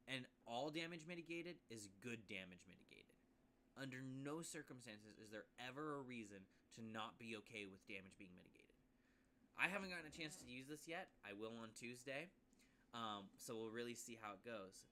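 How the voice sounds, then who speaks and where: A man's voice: medium pitch, pushed and bright, slight background noise. A man casually reviewing a game class on a live stream, chatty and full of asides to viewers.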